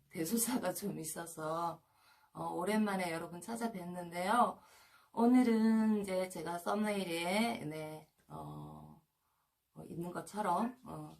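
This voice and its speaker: A middle-aged woman shaman counselor talking alone on her broadcast, pausing often with filler sounds. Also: on the low side, creaky. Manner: many filler sounds, slow and hesitant. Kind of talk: solo broadcast talk.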